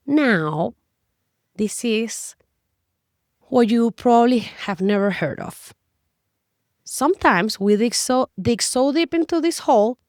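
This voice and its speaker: A middle-aged woman with a Spanish accent talks straight to the listener like a coach. Her voice sits a little high and is recorded dry, with little room sound. Her English is conversational and emphatic, with Spanglish slips from her native Spanish. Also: darkish tone, dry recording. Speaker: nutrition coach. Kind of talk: explanatory talk to camera.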